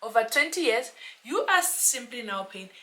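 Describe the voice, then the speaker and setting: A South African woman, a real estate agent, chatting to camera in a casual explainer vlog, animated and talking to her viewers like friends. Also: a little high, moderate pace. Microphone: camera mic, self-filmed.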